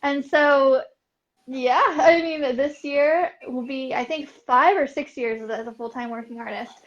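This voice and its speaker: Speaking a little slowly in a high voice, this young artist guests on a relaxed interview, upbeat, laughing often and using plenty of filler words. She also works as an art business coach. Sound quality is dull and lo-fi.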